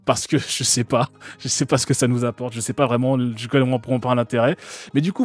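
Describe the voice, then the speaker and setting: A man's voice: mid-range voice, darkish tone. A man from France hosting a live stream, talking casually and sarcastically with many fillers and restarts.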